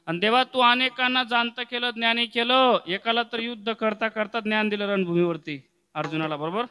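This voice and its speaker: A man's voice: high voice, normal speed, bright, forceful tone, clean tone, no echo. A man preaching a devotional kirtan, telling stories and breaking into sung verses, with asides to the audience. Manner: storytelling sermon broken by sung verses; addresses the audience directly with asides.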